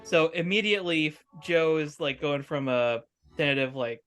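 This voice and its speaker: A woman playing a tabletop role-playing game, narrating casually and haltingly as she thinks aloud. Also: sits low, a bit bright, soft background music. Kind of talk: casual improvised storytelling.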